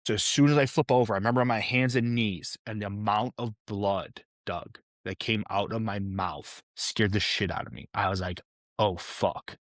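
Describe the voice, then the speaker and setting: A man's voice: fairly low pitch, moderate pace, hardly any pauses, no room sound. A young man, a former police officer telling a vivid, profane story in a podcast interview.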